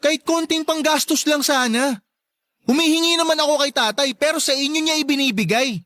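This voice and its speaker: Voicing a neglected, resentful adult son in radio drama, this young man is plaintive and reproachful while staying respectful, his mood hurt. The pitch is extremely high and the delivery brisk, pushed, and bright, with no echo.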